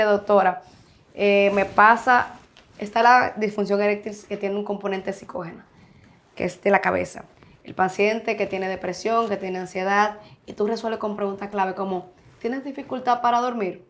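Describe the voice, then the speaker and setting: A woman urologist answering interview questions frankly and emphatically, sometimes acting out what patients say. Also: medium pitch. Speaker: urologist guest.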